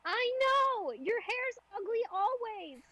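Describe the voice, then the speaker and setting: A woman voicing a bubbly, teasing young girl in a fan read of game dialogue, pitched well above her own voice. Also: very animated, slow pace, sharp tone, exaggerated voice. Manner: giggly, playful teasing.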